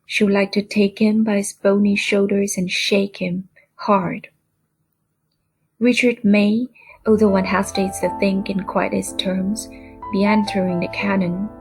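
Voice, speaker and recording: A woman narrating a literary novel in a measured, unhurried reading voice. Her tone carries a gravelly fry, and soft instrumental music sits faintly behind her. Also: mid-range voice, level tone. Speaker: audiobook narrator. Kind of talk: audiobook narration.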